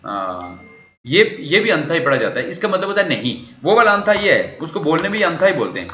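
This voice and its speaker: Male language teacher, lively high voice, echoey dull recording, asks and answers his own questions. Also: a little fast, slight background noise. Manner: repeats questions and answers them himself. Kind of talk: lecture explaining a recorded dialogue. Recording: echoey room, dull lo-fi sound.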